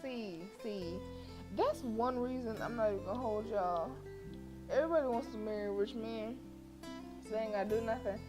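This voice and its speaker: Her voice sits on the high side and moves at a moderate pace as she streams a game. She's sassy and outspoken, chatting in slang, reacting, and reading a visual novel aloud, with plucked guitar game music in the background.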